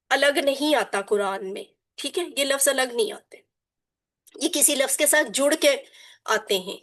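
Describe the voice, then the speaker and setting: A woman's voice: a little high, fairly bright tone. A woman teaching a Quran Arabic class, drilling her students with repetition and call-and-response and mixing in English terms. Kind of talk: online class lesson.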